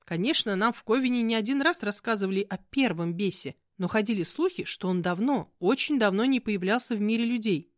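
A woman narrating a fantasy audiobook in the first person, with an expressive, animated reading. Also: mid-range voice, a little fast, hardly any pauses, no echo, studio quality.

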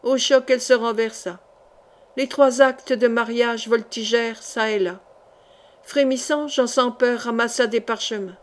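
A woman reading a historical adventure novel aloud in a steady, measured narration. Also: a little high. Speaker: audiobook reader.

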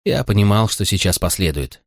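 Expressive male audiobook narrator. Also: lowish voice, fairly quick, dry recording, studio quality. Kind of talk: scripted narration of a novel.

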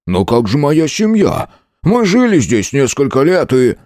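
Brief: rude, fat innkeeper, put on by a male narrator, shouty storybook rogue, slow and strained. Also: mid-range voice, very animated, no echo, studio quality, voice pushed up. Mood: whining. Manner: blustering, shouting, whining. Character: fat rude loud-mouthed male tavern keeper.

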